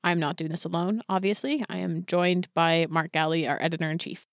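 Female podcast host, lowish voice, upbeat and conversational, dry sound. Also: fairly even intonation, a little fast, no room sound. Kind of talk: podcast hosting.

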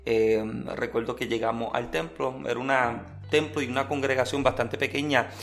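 A male preacher shares a personal testimony from the pulpit, earnest and lively as he tells the story. His voice sits at a mid pitch, with soft music playing faintly underneath. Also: moderate pace.

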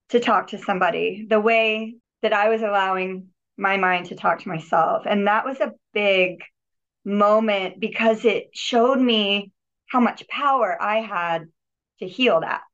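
Unhurried and a bit bright, this medium-pitched woman's voice is heard in dull lo-fi sound. A healer and yogi on a podcast as a guest, she reflects earnestly on her own healing, often restarting and repeating words.

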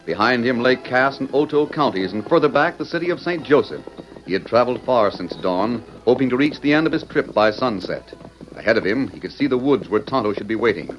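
A man's voice: mid-range voice, lively intonation, fairly quick, lightly acted. An American man narrating a radio western in a grand, stirring, formal announcer's style. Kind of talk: dramatic 1940s-50s radio narration. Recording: dull vintage radio recording over music. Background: music.

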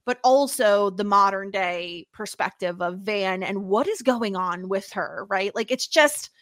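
A woman's voice: mid-range voice, measured pace, a bit bright, no room sound, clean studio sound. A woman podcast host chatting casually about TV, with lots of "like" and "obviously". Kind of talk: casual chat.

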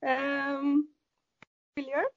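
A woman with a German accent appears as an athlete guest on a podcast, answering questions hesitantly while hunting for English words. Her voice is high and monotone with drawn-out words, and the audio sounds narrow and tinny.

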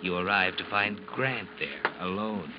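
In the style of old-time radio, an actor plays an ominous, knowing male narrator who taunts the guilty protagonist, telling a suspense story in the second person with an insinuating, dramatic manner. His voice sits low at a measured pace. The muffled vintage radio recording has dramatic music and a noisy background.

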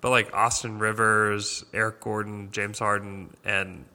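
A man hosting a casual sports podcast, chatty and quick to laugh, recorded in a large boardroom with an echo-chamber sound. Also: fairly low pitch, level tone, sharp tone. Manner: chatty, laughs often, halting restarts. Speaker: podcast host. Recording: echo-chamber sound of a big hollow room.

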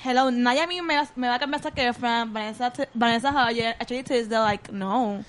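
A woman's voice: on the high side, a little fast. A woman co-hosting a podcast, playful and emphatic, mixing English words into casual talk. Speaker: podcast co-host. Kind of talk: casual chat reviewing films and series.

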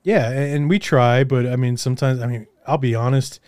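A man hosts a casual interview, speaking hesitantly and hedging often with "I mean". His voice has a middle pitch and sounds dry and close, with no room echo. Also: a little fast, a little mellow, clear, resonant tone. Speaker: podcast host interviewer.

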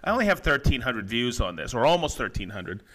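A middle-aged man co-hosting a casual podcast, animated and quick to laugh. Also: mid-range voice. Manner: animated, laughs loudly and often, reads comments in mock voices. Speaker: podcast co-host. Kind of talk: casual chat.

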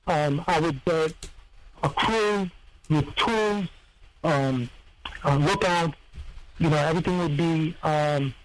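A man from Serbia who tells his story in a halting, rambling interview style, searching for words as he goes. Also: on the high side, slight background noise, low-quality recording. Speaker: guest, former heist crew member.

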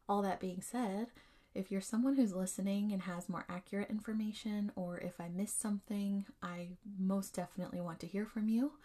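A woman's voice: medium pitch, darkish tone. Woman podcast host telling stories. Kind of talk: scripted narration, storytelling.

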